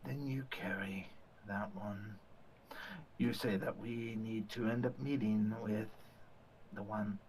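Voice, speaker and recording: A man player speaking in character with a hushed, menacing delivery. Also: fairly low pitch, steady tone, slow pace, pauses often, a little hiss or hum, low-quality recording. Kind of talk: in-character role-play.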